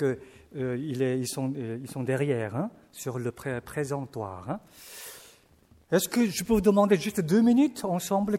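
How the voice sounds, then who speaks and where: A man preaching, reading scripture slowly and then commenting casually to his congregation with fillers and asides. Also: a little high, mellow, breathy edge, big-room sound.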